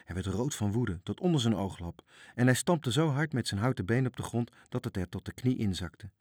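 A man's voice: medium pitch, animated, a little fast, a little mellow, breathy edge, no echo, studio quality. A man reading a children's story aloud, expressively, voicing the characters. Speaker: narrator.

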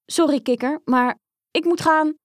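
A woman voicing a spoiled, squeamish young princess who talks in a high, whiny way, in a storybook reading. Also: unhurried, dry recording, clean studio sound. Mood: pleading.

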